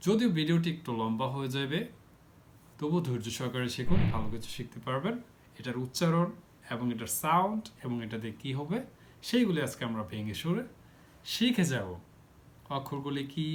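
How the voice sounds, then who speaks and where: Man teaching the alphabet slowly. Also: fairly high pitch, slight background noise. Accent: Bangladeshi Bengali. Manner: slow, repetitive, step-by-step explaining. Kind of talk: children's alphabet lesson.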